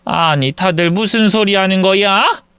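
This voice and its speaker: A man putting on a shrill, nagging old mother-in-law. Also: sing-song, unhurried, pushed and bright, smooth, no room sound, full character voice. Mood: scolding. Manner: shrill, self-pitying wailing. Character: bitter, domineering older mother-in-law.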